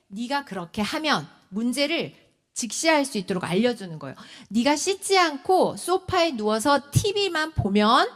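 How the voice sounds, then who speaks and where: A woman in her forties speaks to a church audience about talking with children. Her fairly high voice swings widely in pitch. She keeps slipping into the voices of children and parents as she tells her examples. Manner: animated, acts out children's and parents' lines. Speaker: guest lecturer on parenting. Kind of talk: church lecture.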